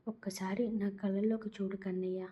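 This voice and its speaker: A woman's voice: medium pitch, flat delivery, normal speed, highs cut off, natural voice. A woman voicing a drunk, lovesick young woman who pleads in a slurred, giggly way. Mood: pleading. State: tipsy.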